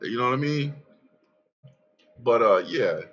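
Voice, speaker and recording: A man casually talking through his trading charts in a brash, profane, excitable way, often trailing off mid-sentence and restarting. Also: mid-range voice, unhurried, dull audio. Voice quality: calls his own voice aggressive. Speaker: crypto trading vlogger. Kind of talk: casual rambling chart commentary.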